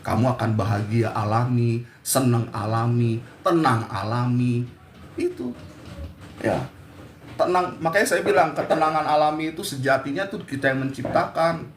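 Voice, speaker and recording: A man's voice: medium pitch, moderate pace, echoey room, a little hiss or hum. A man giving a blunt, scolding motivational talk to his viewers. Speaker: anxiety motivational speaker.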